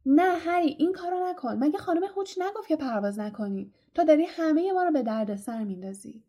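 An anxious, rule-abiding schoolgirl, put on by a woman reader, urgent and pleading. Her voice climbs high with a soft, mellow tone. A storybook know-it-all fretting over the rules. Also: animated.

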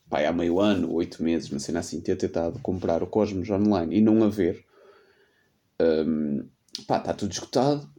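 A man's voice: medium pitch, mellow. A man in his late twenties with a European Portuguese accent, hosting a solo podcast in a rambling, slangy, self-deprecating storytelling manner while getting over a cold. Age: 20s. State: sick with a cold. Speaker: podcast host. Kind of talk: casual solo podcast chat.

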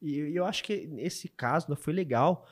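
A man's voice: on the high side, moderate pace. Slangy young man chatting casually. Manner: slangy and relaxed, with frequent restarts. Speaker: interviewer and content creator. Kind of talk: casual podcast chat.

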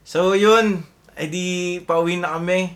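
A young man from the Philippines tells a childhood story to friends in a loose, rambling way. His voice sits a little high for a man, and he laughs often as he talks. It sounds like easygoing podcast banter. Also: fairly even intonation, slow. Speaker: podcast co-host. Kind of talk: casual storytelling chat.

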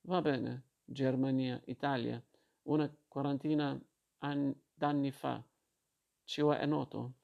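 A man's voice: mid-range voice, level tone, slow, creaky, narrow, tinny audio. A man reading as a bored, mocking grown man. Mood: ironic. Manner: drawling, ironic.

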